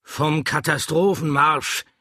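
A man's voice: fairly high pitch, steady tone, takes it slowly, bright, forceful tone, dry recording, studio quality, voice pushed up, exaggerated voice. A man voicing an alarmed adult male circus cook in an audiobook, speaking with urgent raised alarm.

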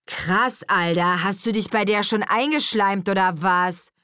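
A woman's voice: medium pitch, unhurried, a bit bright, clean tone, no room sound, clean studio sound, voice pushed up, close to an everyday voice. A woman voicing a rude, sneering teenage schoolboy who uses crude slang.

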